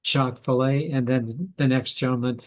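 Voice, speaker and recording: A man leading a group discussion, speaking in a calm, measured way and steering the session. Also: medium pitch. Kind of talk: casual discussion. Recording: dull lo-fi audio.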